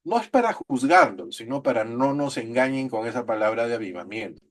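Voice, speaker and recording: A man's voice: mid-range voice, expressive, a little fast. A man teaches an online Bible class over a video call. He gives direct, plain advice to the class.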